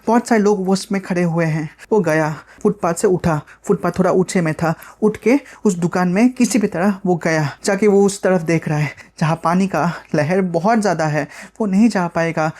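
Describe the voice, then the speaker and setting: A storyteller telling a dramatic tale casually, quick and animated, repeating words for effect. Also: medium pitch.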